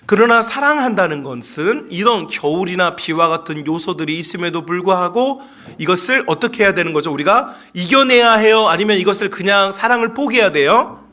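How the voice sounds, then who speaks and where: A man's voice: fairly high pitch, pushed and bright. A middle-aged male pastor giving a playful sermon, acting out parents' voices and chatting with the children in the congregation.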